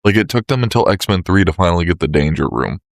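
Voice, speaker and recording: A man's voice: deep voice, lively intonation, fast, creaky, no room sound, studio quality. A man co-hosting a podcast in casual chat, talking in slangy, enthusiastic fan style. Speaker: podcast co-host.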